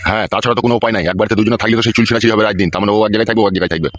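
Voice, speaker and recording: A man doing a gruff village father-in-law. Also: lowish voice, steady tone, rapid-fire, fairly bright tone, no echo, natural voice. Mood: laying down rules. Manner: gruff, bossy. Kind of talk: comedy cartoon dub.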